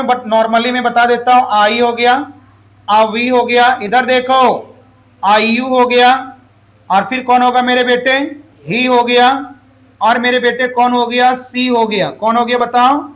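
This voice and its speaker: High-voiced teacher quizzing his class. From Jharkhand, India. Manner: calls out questions and has the class repeat answers. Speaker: English teacher. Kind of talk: classroom grammar lesson.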